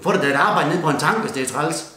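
A young Jutlandic man delivers a crude comic rant, cursing with nearly every breath and stopping to toast with his beer. His voice sits a little higher than most men's. The room around him rings with a noticeable echo. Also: sharp tone. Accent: Jutlandic Danish. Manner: swears constantly, blunt and rowdy, toasts with a beer. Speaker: comedian doing a mock New Year's speech.

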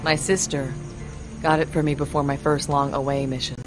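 A woman's voice: deep voice, little pitch movement, normal speed, over music, lightly acted, poor audio. An actress playing a confident, tough woman mentor in a video game, cool and matter-of-fact. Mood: cool, instructing.

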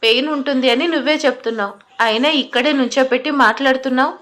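A weary, injured young man from an audio drama, hesitating and stumbling over excuses, as a woman narrator voices him. The voice stays a little high. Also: quick pace, fairly bright tone. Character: tired injured young adult son, evasive.

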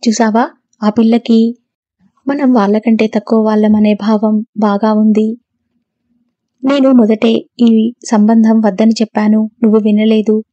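A woman's voice: on the high side, level tone, a little slow, pauses often, warm tone, no echo, lo-fi sound, lightly acted. A woman voicing a domineering, self-pitying older mother-in-law who scolds her son's wife. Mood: scolding.

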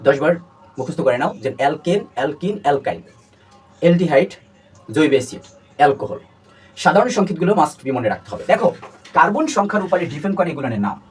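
A man's voice: fairly high pitch, darkish tone, husky. A man teaching a chemistry lesson. He talks to his students, asks them questions and drills terms by repeating them over and over. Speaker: chemistry tutor. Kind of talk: classroom lecture. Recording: distant mic with faint background noise.

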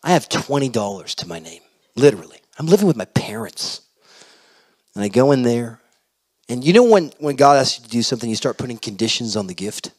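A male pastor preaching a sermon, telling stories in an animated way that swings between loud and hushed. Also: medium pitch, a little fast. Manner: animated, shifting loud and soft. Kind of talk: storytelling sermon.

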